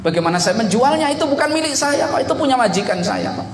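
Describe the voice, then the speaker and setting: A man's voice: very high voice, big pitch swings, fast, voice pushed up. A preacher voicing a devout young male slave shepherd who fears God and keeps repeating his plea. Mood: insistent. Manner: pleading, insistent repetition. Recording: echoey room with faint noise.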